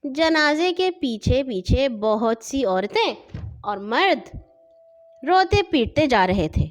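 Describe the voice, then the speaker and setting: A woman narrating a funny children's story in an expressive storytelling manner. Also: high-pitched.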